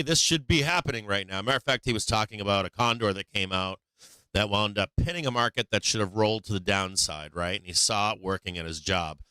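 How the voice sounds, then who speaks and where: A man with a thin, tinny voice light on bass, giving rambling, blunt, profanity-laced live trading commentary. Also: pushed and bright, smooth, no echo. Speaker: stock trading livestream host.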